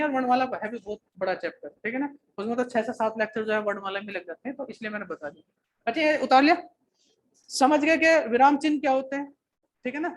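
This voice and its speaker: A man teaching a classroom grammar lecture, dictating slowly, repeating phrases and checking in with the students again and again. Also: very high voice, slight background noise. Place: coaching classroom.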